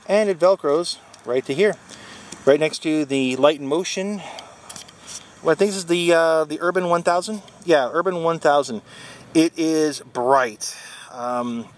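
A slightly high-voiced man in his forties rambles through a casual one-take gear walkthrough, full of fillers and restarts. He's outdoors at a trailhead parking area, talking into a handheld camera held at arm's length, with faint traffic noise behind him. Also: unhurried. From Wisconsin, USA. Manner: rambling, many fillers and self-corrections. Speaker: bike touring vlogger. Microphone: handheld action camera at arm's length.

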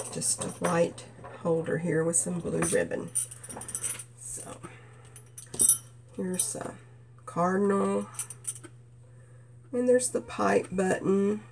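A woman from Kentucky with a cold and a nasal voice, chatting gently about her stitching projects with many "uh" fillers. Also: fairly low pitch, gravelly, slight background noise. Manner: gentle, unhurried, frequent "uh" fillers. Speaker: stitching vlogger. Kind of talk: casual show-and-tell chat.

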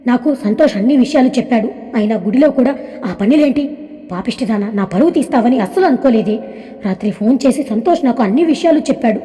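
A woman's voice: fairly high pitch, lively intonation, fast, warm tone, in a large hall, close to an everyday voice. A woman doing a stern, scolding father. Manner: scolding, threatening. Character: angry domineering middle-aged father.

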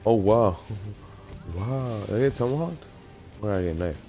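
A man's voice: fairly low pitch, animated, unhurried, music in the background. A young man casually talking over his online shooter gameplay, rambling and laughing often as he plays. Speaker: gaming YouTuber.

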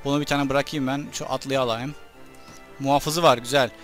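Soft music plays behind a young man's fairly quick, mid-range voice as he excitedly commentates his own gameplay live. He shouts at his troops and enemies and mutters when things go badly.

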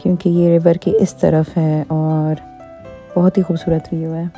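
A woman's voice: deep voice, little pitch movement, a little slow, dark tone, soft background music. A woman vlogger talking her viewers through a show home, chatty and full of fillers as she walks with her phone. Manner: chatty, many fillers, code-switching into English. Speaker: vlogger giving a home tour. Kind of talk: casual vlog narration. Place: indoors in a show home, walking room to room. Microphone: phone held in hand.

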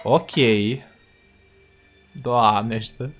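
A young man hosting a reaction video, talking casually in slang and yelling in panic at jump scares. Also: mid-range voice, faint music behind.

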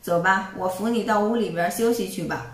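A woman's voice: medium pitch, a little fast, echoey room, distant mic, faint music behind, lightly acted. A woman voicing a selfish, calculating young husband in her own plain voice, dismissive in tone.

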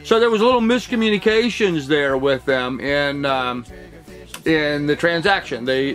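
A middle-aged real estate broker chats casually to the camera from a cluttered home office, rambling with lots of fillers and restarts. His voice sits a little high with a fairly bright tone, in the style of a casual talking-head vlog.

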